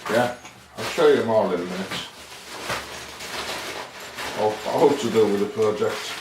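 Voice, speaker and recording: A DIY vlogger presents his project in a lowish, unhurried male voice, explaining hands-on, casually and unscripted. He rambles, thinks aloud and asks himself questions. The distant mic sounds roomy and noisy, with clicks.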